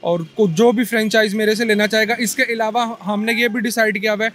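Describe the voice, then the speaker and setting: Earnest young cart owner, higher voice. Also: male voice, steady tone, brisk, fairly bright tone. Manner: earnest, explaining, mixes English words. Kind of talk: street interview answers. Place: busy city street outdoors. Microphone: handheld mic held by interviewer.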